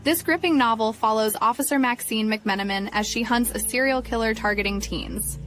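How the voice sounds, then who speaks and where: A woman giving an upbeat social media pitch for a thriller novel. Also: fairly quick, a bit bright, faint music behind. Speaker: book promo voice. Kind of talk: social media book promo.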